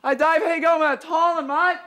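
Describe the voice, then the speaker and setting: An actor with an Australian accent playing a boastful, bumbling builder in a mockumentary, rambling and swearing in a blokey way. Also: male voice, high-pitched, normal speed, a bit bright. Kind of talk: mockumentary comedy.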